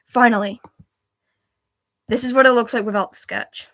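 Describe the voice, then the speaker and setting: A woman's voice: on the high side, steady tone, normal speed, a bit bright, no room sound, studio quality. A woman live-streaming while she draws on a laptop, chatting casually and narrating each step, often trailing off mid-thought. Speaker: livestreaming artist. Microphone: laptop mic.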